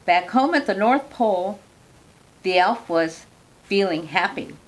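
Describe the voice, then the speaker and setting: An older woman reads a children's picture book aloud at an unhurried pace. Her voice sits at a middle pitch, and she pauses now and then for gentle asides to the young listener. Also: lively intonation, rough recording. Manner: slow, gentle reading with warm asides to the listener. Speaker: storyteller.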